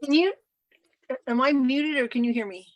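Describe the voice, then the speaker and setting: A woman in the audience asks questions over a video call. Her voice is fairly high for a woman. She stumbles and repeats words as she feels her way. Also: moderate pace. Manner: hesitant, stumbling. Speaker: audience member. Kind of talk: asking questions.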